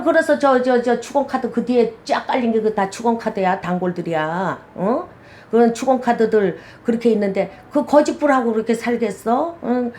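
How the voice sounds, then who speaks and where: A middle-aged woman with a slightly high voice speaks as a shaman in a casual interview. She talks bluntly and with animation, slipping into other people's voices as she retells conversations. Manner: blunt, animated storytelling with quoted dialogue.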